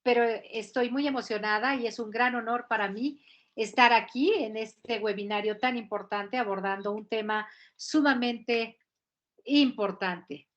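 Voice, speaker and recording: Woman, higher-pitched voice, measured formal delivery, pausing between phrases. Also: dull audio. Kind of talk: measured webinar remarks in Spanish with pauses.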